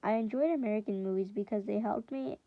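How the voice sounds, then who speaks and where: Her mid-range voice moves fast as she reads a first-person story chapter aloud for a class, now and then stumbling and going back over words. The audio has phone-quality sound and no room ambience.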